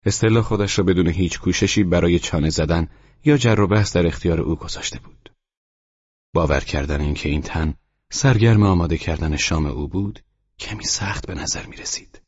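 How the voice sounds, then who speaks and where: A man narrating an audiobook in a calm, even reading, in a dull, dry studio recording. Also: sits low, breathy edge, no room sound. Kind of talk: scripted narration.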